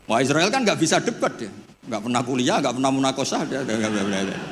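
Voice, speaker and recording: A man preaches in an easy, joking storyteller's manner at an ordinary middle pitch. His voice carries a long hall reverb, with faint ambience behind it. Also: a little fast, noisy background. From Indonesia. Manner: relaxed storytelling with jokes. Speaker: Islamic preacher. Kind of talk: humorous religious lecture.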